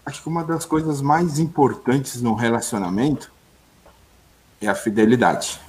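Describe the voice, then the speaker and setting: A man co-hosting a casual chat, calmly reflecting on love and relationships. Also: medium pitch, moderate pace. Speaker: co-host.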